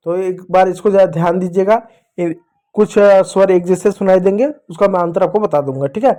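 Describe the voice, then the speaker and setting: A man's voice: sits high, normal speed, warm tone. A man teaching young children to read, patiently repeating each sound and answering his own questions. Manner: addresses the viewers as dear children. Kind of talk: children's reading lesson.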